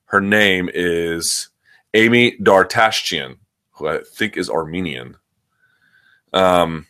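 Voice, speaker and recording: Deep-voiced man repeating his words. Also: sharp tone. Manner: repeats and restarts words and phrases. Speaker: sports talk show host. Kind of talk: casual opinionated combat sports commentary.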